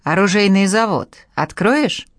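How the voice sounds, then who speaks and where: A woman's voice: mid-range voice, lively intonation, unhurried, no echo, clean studio sound, voice pushed up, lightly acted. A woman reading the lines of an imperious male tsar in an audiobook, speaking abruptly and with authority. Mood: commanding. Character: angry then grateful male tsar, commanding.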